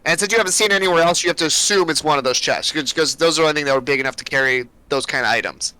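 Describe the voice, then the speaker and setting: A man's voice: fairly high pitch, racing, sharp tone, smooth, no echo, low-quality recording. A man narrating as game master of a tabletop game, rambling loosely with plenty of fillers.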